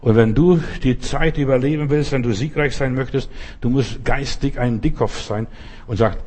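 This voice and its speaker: A man delivers a sermon in a husky, slightly rough voice at an ordinary pitch. He presses his points hard and turns often to address the listener directly. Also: moderate pace, warm tone. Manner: emphatic, talks straight to the listener. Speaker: preacher.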